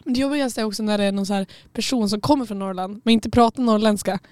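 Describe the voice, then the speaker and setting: Mellow-voiced woman co-host asking questions. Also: medium pitch, dry recording, clean studio sound. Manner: curious, hedging, talks in fillers like "alltså". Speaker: podcast co-host. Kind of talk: casual chat. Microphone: studio mic.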